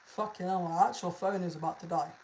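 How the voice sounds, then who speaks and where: A content creator talks casually to a livestream audience at a middling pitch. The delivery is informal and full of slang and swearing, with phrases often repeated. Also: steady tone, fast talker, a little mellow, slight background noise.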